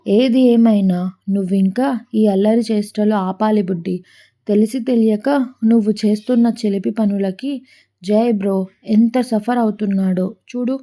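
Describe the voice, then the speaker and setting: A woman's voice: mid-range voice, fairly even intonation, normal speed, mellow. A woman narrating a family love story, reading aloud and voicing the characters' quoted lines.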